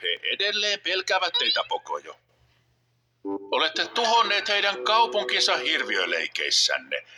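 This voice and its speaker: A man's voice: high voice, wildly swooping pitch. A man narrating a dubbed children's cartoon in a playful, coaxing way, talking to the characters and to the young viewers. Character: cheerful friendly adult male cartoon narrator. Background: loud cartoon music.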